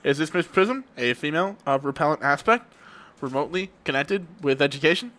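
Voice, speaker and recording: Haughty older noblewoman acted by a man, commanding and disapproving, raised pitch, forceful bright edge. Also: animated, a little fast. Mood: imperious, demanding. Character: imperious, haughty older aristocratic lady.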